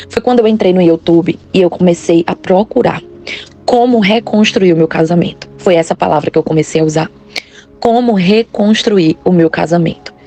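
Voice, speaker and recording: Earnest low-voiced woman narrating. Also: vocal fry, dark tone. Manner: earnest, confessional, grave. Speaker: testimony narrator. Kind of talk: first-person testimony narration.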